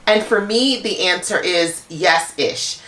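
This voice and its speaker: A woman's voice: lowish voice, slow, a bit bright, reverberant. A woman talking casually to camera as a luxury handbag YouTuber, chatty and full of "like" fillers.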